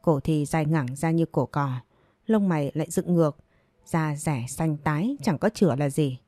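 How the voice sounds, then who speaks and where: A woman's voice: low-pitched, moderate pace, warm tone, no room sound, close to an everyday voice. A woman voicing a stern village mother who scolds her pregnant daughter sharply. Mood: scolding.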